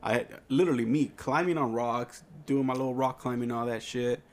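A man's voice: medium pitch, fairly quick, a little mellow. A man on a casual podcast telling rambling, self-deprecating anecdotes. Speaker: podcast co-host. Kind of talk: casual chat.

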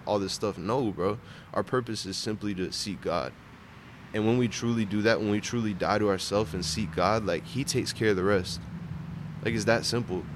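A young man talking casually and earnestly about faith, with slangy, bro-heavy phrasing. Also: fairly low pitch. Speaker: barber sharing his faith. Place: outdoors at a park bench. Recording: outdoor urban vehicle noise.

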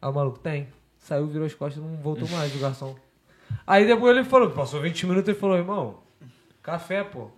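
Apresentador brasileiro brincalhão, voz um pouco aguda. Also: male voice, a little high, quick pace, a little hiss or hum. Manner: joking, swears freely, laughs often. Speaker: podcast host. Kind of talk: casual podcast chat.

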